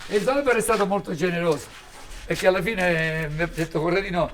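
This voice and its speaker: A man's voice: high-pitched, fast, a bit bright, a little hiss or hum. A man with a Sicilian accent telling casual anecdotes in colloquial, unschooled Italian mixed with dialect. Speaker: tour driver being interviewed.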